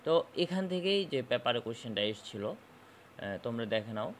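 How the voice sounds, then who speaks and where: A man teaching a phonetics lesson, slowly repeating and demonstrating sounds and often checking "okay?". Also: mid-range voice, very animated, slight background noise.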